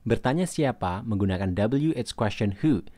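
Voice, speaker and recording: A man teaching English grammar in a recorded lesson. He reads English example questions slowly and then translates them. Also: on the low side, lively intonation, warm tone, no room sound, studio quality.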